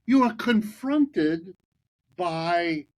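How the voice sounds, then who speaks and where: A man's voice: high-pitched, lively intonation, drawn-out words, a little mellow, low-quality recording. An older man from the United States, a guest economist giving a long, emphatic conversational explanation that breaks into restarts.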